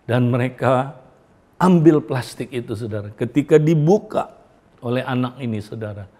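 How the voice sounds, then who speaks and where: A man's voice: mid-range voice, normal speed, warm tone. A man preaching a storytelling sermon to an online congregation, repeatedly addressing them as brothers and sisters and letting his voice fall at the ends of phrases. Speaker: pastor.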